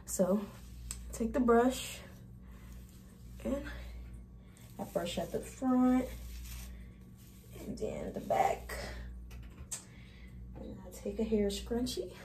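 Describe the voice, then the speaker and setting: Young woman beauty vlogger, warm mellow voice, chatty and informal, walks viewers step by step. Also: on the high side, huge pitch swings, very slow, pauses often. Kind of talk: casual hair tutorial.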